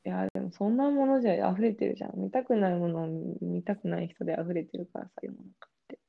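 A young woman co-hosting a podcast, speaking in a thoughtful, measured way in casual chat. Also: mid-range voice, fairly even intonation, creaky, phone-quality sound. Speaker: podcast co-host.

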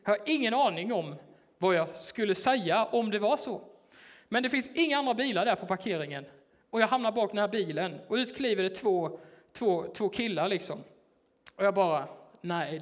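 A man with a notably high voice gives a sermon in a church. He tells a personal story in a relaxed, conversational way, hesitating often and filling pauses as he goes. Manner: casual, hesitant, filler-heavy storytelling. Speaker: church worker preaching.

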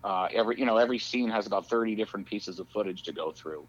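Racing along in a lowish voice, a man joins a podcast by phone for a casual chat. He wanders from point to point, laughing a lot and using many fillers, all captured in muffled, lo-fi audio.

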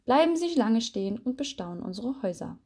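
A merry male spider artist who loves his glittering webs, bright with enthusiasm, as a woman reads him. The voice stays mellow and smooth, a jolly storybook craftsman. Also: a little high, very animated, a little fast, exaggerated voice. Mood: cheerful. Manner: cheerful, enthusiastic.

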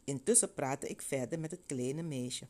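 A woman's voice: rumbling low, normal speed, warm tone. A woman reading a first-person testimony story aloud, expressively voicing the characters.

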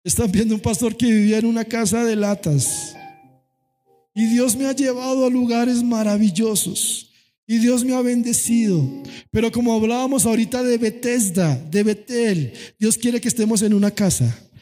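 A man preaching as a pastor, swinging between soft pleading and loud shouted lines, sometimes half-singing his phrases. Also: very high-pitched, moderate pace. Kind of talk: sermon. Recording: long hall reverb with faint music.

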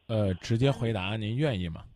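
A man's voice: lowish voice, moderate pace, darkish tone. A man hosting a radio advice show, blunt and lecturing, cutting his caller off to press her.

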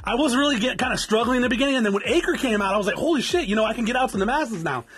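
Podcast host, man in his forties, fast and rambling with a stuffy nose, husky high voice. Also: lively intonation, fairly bright tone. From Southern California. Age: 40s. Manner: rambling, repeats words, cusses freely. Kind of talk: casual unscripted podcast monologue. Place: home in the desert.

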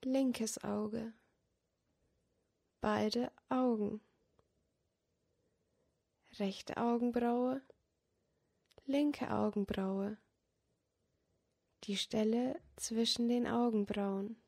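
Female meditation guide: soft, dreamy, extremely unhurried delivery, mellow tone with some vocal fry. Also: a little high, steady tone. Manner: soft, soothing, dreamy, partly breathy and near-whispered. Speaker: yoga nidra meditation guide. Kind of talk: guided meditation body scan, slow spoken cues.

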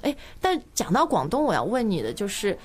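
A woman from Shanghai hosting a bilingual language-lesson podcast, chatty and quick to laugh as she switches between two languages. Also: mid-range voice, wildly swooping pitch, husky. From Shanghai, China. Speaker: podcast host, English teacher.

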